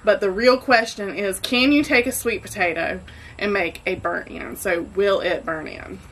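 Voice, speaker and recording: A woman's voice: mid-range voice, moderate pace, a bit bright, slight background noise, rough recording. Chatty woman hosting a cooking vlog. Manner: chatty and enthusiastic. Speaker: barbecue cooking host. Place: home kitchen.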